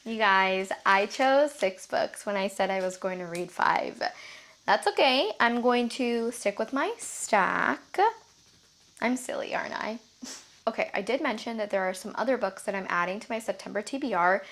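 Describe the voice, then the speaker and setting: Young female vlogger, casual and chatty, teases herself, mid-pitched voice. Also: moderate pace, a bit bright. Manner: bubbly and self-teasing, talks straight to viewers. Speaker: book vlogger.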